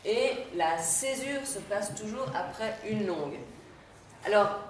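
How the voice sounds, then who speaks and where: A woman gives a lecture, pausing often and stumbling over her words as she explains. Her voice bounces around a very echoey room, heard from well away from the mic. A faint hiss sits under the recording. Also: mid-range voice, expressive, recorded from a distance. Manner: explanatory, frequent hesitations and fillers. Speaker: Latin teacher.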